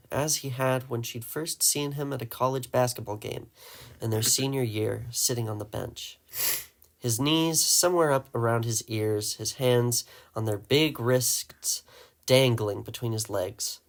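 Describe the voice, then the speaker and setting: A man reads a story aloud in a steady, measured way. His voice sits in an ordinary middle pitch, and he keeps the narration plain between the characters. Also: creaky. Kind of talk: audiobook reading.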